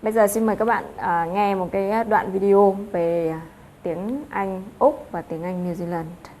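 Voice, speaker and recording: A woman's voice: mid-range voice, unhurried, darkish tone, slight background noise. A woman teaching an English lesson, explaining step by step with frequent filler sounds.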